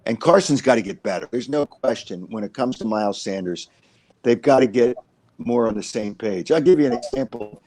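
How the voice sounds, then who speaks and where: Co-hosting a casual football analysis chat, this man speaks a little fast in a medium-pitched, slightly mellow voice. He rambles, repeats himself, and fills gaps with uhs, on a dry, rough recording.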